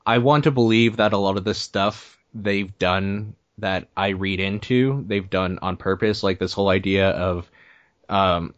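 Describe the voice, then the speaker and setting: Deep-voiced man, muffled podcast host. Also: a little slow, no echo. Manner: relaxed, rambling, hedging. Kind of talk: casual podcast chat.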